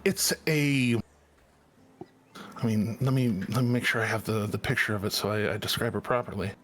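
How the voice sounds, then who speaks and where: A man narrating as game master, halting often with many fillers and restarts. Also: lowish voice, a bit bright, slight background noise.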